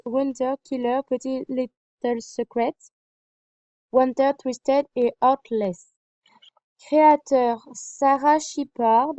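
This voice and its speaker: A woman's voice: sits high, dark tone, no room sound, muffled recording. A young woman presenting a TV series to her viewers in a casual fan vlog, hesitant and full of fillers and apologies. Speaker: fan vlogger.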